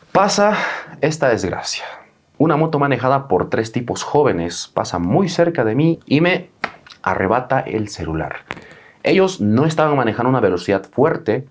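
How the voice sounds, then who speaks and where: A young adult man who is a travel vlogger, recounting a travel mishap in a dramatic storytelling style. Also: medium pitch. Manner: animated, dramatic retelling. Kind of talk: storytelling vlog.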